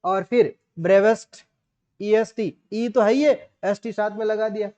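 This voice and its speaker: A man's voice: sits high, fairly even intonation, measured pace, warm tone. A man with a Rajasthani Indian accent teaching an online grammar lesson, explaining rules step by step and spelling words out letter by letter. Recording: dull lo-fi audio.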